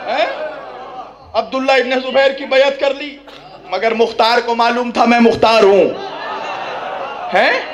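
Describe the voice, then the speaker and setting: A man with a high-pitched voice delivers an impassioned religious oration. He talks straight to the people in front of him, peppering his points with rhetorical questions and a questioning "hain?", and now and then climbs to a shout. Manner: rises to shouting at climaxes; speaks directly to the audience. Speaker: religious orator at a mourning gathering.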